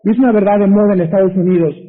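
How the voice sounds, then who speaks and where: A Mexican man delivers a sermon in a strikingly high voice, driving his points home with emphatic rhetorical questions. The sound is thin and narrow, like a phone line. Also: fairly even intonation, very fast. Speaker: pastor.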